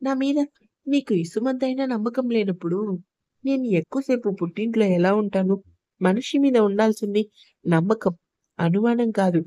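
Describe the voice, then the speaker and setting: A woman's voice: fairly high pitch, moderate pace, mellow, no room sound, clean studio sound, close to an everyday voice. Woman voicing a hurt, reproachful young wife. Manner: reproachful, pleading. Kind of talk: storybook narration.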